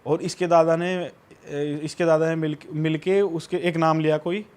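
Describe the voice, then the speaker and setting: Rambling storyteller man, slightly high voice. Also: fairly even intonation, a little slow, darkish tone, clean tone. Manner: rambling, conversational, often says "bhai" and "na". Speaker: guest storyteller. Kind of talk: casual storytelling.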